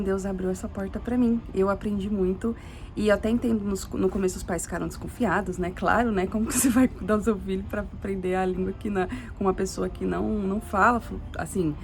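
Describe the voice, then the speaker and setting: Slight background noise accompanies her mid-range voice, creaky and darkish in tone. A young adult Brazilian Portuguese speaker living in Sweden, she tells a personal story casually, rambling, restarting often and dropping in tag questions.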